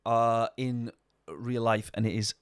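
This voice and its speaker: Casting: male streamer, rambling casual commentary, average pitch, dry close sound. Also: slow, smooth, no echo. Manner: rambling, chatty, answers viewer chat. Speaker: sim-racing streamer.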